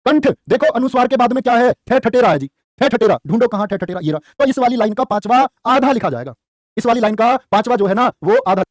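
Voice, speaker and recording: Man, teacher, quick animated delivery, dry close sound. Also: very high-pitched, dry recording. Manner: lively, animated teaching with rhetorical questions and Hindi couplets; calls students "प्यारे बच्चे". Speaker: Hindi teacher for exam prep. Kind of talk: live online exam-prep class.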